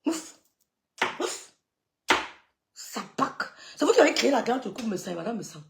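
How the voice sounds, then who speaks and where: Middle-aged woman with a high, gravelly voice, scolding in a live rant. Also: big pitch swings, a little slow, noisy background. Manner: scolding, scornful, repeats dismissive sucks of the teeth. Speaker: social media gossip streamer. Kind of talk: heated live-stream rant.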